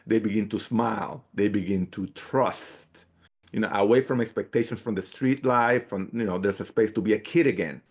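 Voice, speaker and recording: Speaking at a moderate pace in a lowish voice, this Dominican interview guest, who founded an outdoor youth program, reflects conversationally on the questions. "Right" and "you know" keep popping up as he checks in with the listener.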